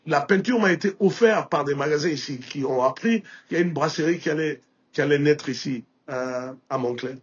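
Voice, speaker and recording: Very husky Burkinabé man telling stories. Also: on the high side, a little fast, lo-fi sound. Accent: Burkinabé French. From Burkina Faso. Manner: anecdotal, with frequent restarts and filler. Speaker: interview guest, entrepreneur. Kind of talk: casual storytelling interview.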